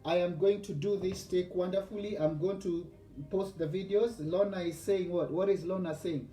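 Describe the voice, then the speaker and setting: A man's voice: high voice, steady tone, moderate pace, dark tone, reverberant, soft background music. A man in his forties with a Kenyan accent, hosting a casual live cooking vlog in a chatty, boastful way and greeting viewers by name. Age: 40s. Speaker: host.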